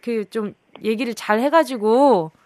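A woman's voice: on the high side, a little slow, a little mellow, no echo. A woman radio DJ in a phone-in chat, playful and coaxing, laughing often as she draws a caller out.

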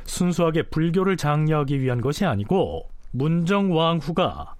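A man explaining history in a measured lecture style, often posing questions to his listeners. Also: fairly high pitch, very animated, a little mellow, no room sound, studio quality.

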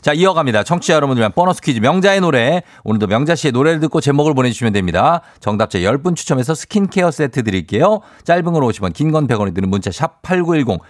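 A man's voice: medium pitch, animated, quick pace, hardly any pauses, dry recording. A man hosting a radio quiz as a game show host, announcing theatrically with suspenseful repeats and dropping into casual chat.

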